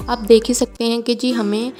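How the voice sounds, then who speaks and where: A woman's voice: on the high side, little pitch movement, moderate pace. A woman, giving a chatty, homely step-by-step craft tutorial with frequent fillers. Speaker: DIY craft vlogger. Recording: home video with faint background music.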